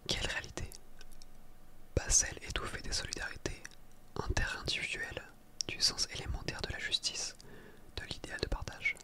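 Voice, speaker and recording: A person reading a book aloud for ASMR in a soft library whisper, sometimes stumbling over words and correcting themselves. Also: moderate pace, pauses often. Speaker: ASMR reader.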